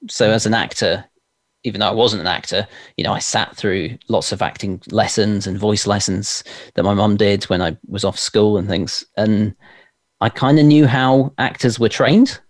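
This interview guest, a London performance coach and performer, has a fairly low, steady voice, speaks at normal speed, and uses a Received Pronunciation accent. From his home office, he gives chatty, anecdotal answers. The recording is dry with a clean studio sound.

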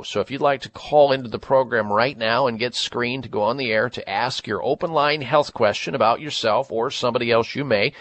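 A man's voice: medium pitch, a bit bright. An American man hosting a radio health call-in show in a talk radio style.

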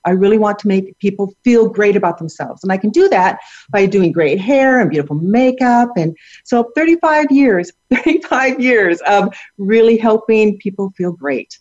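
A woman's voice: medium pitch, lively intonation, moderate pace, darkish tone. A middle-aged woman answering as an interview guest, upbeat and laughing lightly as she talks. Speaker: guest, hair educator. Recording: dull lo-fi audio.

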